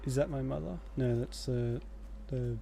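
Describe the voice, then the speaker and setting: A man's voice: mid-range voice, unhurried, vocal fry, warm tone, faint music behind. A man giving casual let's play commentary in a rambling, reflective way. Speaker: video game streamer. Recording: faint background noise and game ambience.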